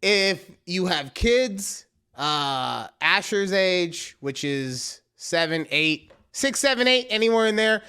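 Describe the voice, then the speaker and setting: A man in his thirties co-hosting a podcast, chatting casually and joking with loud bursts. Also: high-pitched, expressive, slow pace, smooth. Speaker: podcast co-host. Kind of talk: casual chat.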